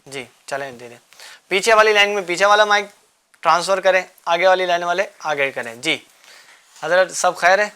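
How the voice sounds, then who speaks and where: Bright-voiced man quizzing children. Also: high-pitched, clean tone. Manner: coaxing, repeats questions, gently teasing. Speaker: host of a children's religious show. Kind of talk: quizzing children in a studio class.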